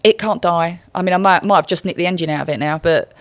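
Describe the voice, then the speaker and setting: A woman's voice: fairly low pitch, fast talker, dry recording. A British woman chatting casually as a podcast guest, swearing freely, poking fun at herself and acting out what people said. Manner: sweary, self-mocking, acts out quoted speech. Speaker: interview guest, racing team member. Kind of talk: casual podcast anecdote telling.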